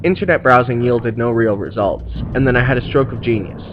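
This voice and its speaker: A man reading a horror story aloud in measured scripted narration. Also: medium pitch, dull audio, noisy background.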